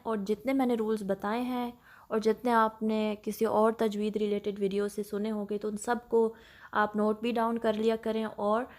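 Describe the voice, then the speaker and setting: A woman tajweed teacher with a Pakistani Urdu accent leads a step-by-step recitation lesson in Urdu, mixing in English terms. Her mid-range voice is a little mellow, and she explains patiently while checking in often.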